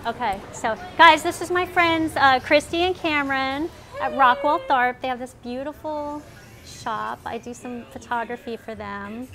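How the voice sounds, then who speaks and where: A woman's voice: high-pitched, measured pace. Chatty woman on a night walking tour. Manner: chatty, rambling, self-correcting. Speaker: vlogger giving a live walking tour. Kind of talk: casual live-stream narration. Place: outdoor waterfront shopping village at night. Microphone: phone held while walking. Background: loud music from bars and live bands.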